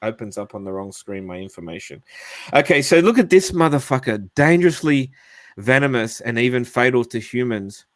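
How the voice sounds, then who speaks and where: A man's voice: mid-range voice, lively intonation, normal speed, dry recording. Rambling man, dry close sound. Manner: rambling, swears freely, many fillers and restarts. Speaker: podcast host. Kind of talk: casual chat and reading out facts.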